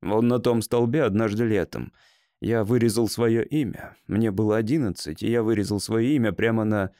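A man's voice: on the low side, steady tone, normal speed, warm tone, no room sound, natural voice. Shaken grown man, emotional and pleading, read by a male narrator, dry close sound. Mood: nostalgic. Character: grown man shaken by meeting his childhood self.

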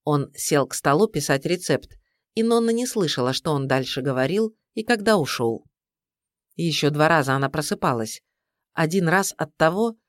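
Calm man narrating an audiobook. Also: fairly high pitch, no room sound, clean studio sound. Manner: calm, measured storytelling.

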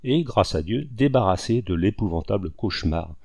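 A man reading a classic adventure novel aloud as first-person narration, in a measured, dramatic storytelling manner. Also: on the low side, animated, creaky, a little mellow, dry recording. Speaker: audiobook reader.

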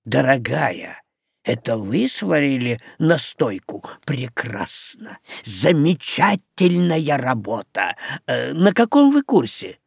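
Man reading as old ghost professor, pompous, lecturing, gravelly, dry close sound. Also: mid-range voice, very animated, takes it slowly, no echo, exaggerated voice. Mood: fussy.

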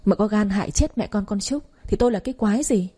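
A woman's voice: mid-range voice, fast, mellow, husky, lightly acted. A woman voicing a scornful pregnant young servant woman, in an audio story. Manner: mocking, cold.

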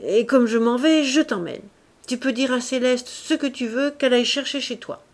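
A woman's voice: sits high, moderate pace, voice pushed up. A woman voicing a fierce, domineering young woman in an audiobook of a classic novel, speaking in an imperious, threatening way. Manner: imperious and threatening, raises her voice. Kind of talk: audiobook character reading.

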